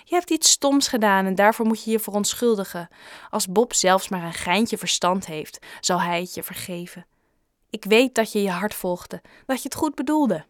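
A woman voicing a kind, gentle grown-up shopkeeper in an audiobook, coaxing and caring. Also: mid-range voice, moderate pace, no echo, studio quality, natural voice. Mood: wise. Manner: gentle, coaxing, sometimes lively. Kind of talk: audiobook character reading.

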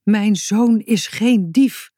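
A woman's voice: mid-range voice, very slow, warm tone, dry recording, studio quality, pitched above the performer's own voice. A woman voicing a protective middle-aged mother in a children's audiobook, pleading and solemn.

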